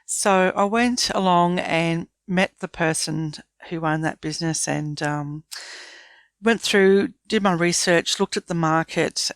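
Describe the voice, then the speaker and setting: A small business owner from Australia, a woman in her fifties, speaks candidly and reflectively as a guest in a conversational interview. Her voice is fairly low and smooth, recorded without echo.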